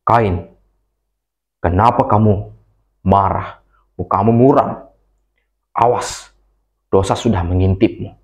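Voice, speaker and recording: A man voicing God in a storybook telling, warning in a low, grave tone. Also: slow, pauses often, darkish tone. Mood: stern warning. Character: God, stern grave male voice.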